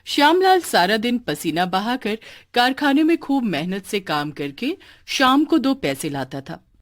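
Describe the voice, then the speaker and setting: A woman narrating a cartoon story in a scripted, expressive storytelling manner. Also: on the high side, measured pace.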